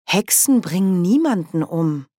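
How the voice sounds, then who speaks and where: A woman reading an audiobook, voicing an earnest, eager young witch in a brighter, higher voice. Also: animated, measured pace, slightly rough, no echo, clean studio sound. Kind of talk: audiobook character voice.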